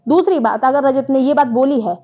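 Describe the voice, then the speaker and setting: A woman recapping a reality show episode in casual commentary, retelling events in an animated way and acting out the quoted lines. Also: sits high, brisk, lo-fi sound.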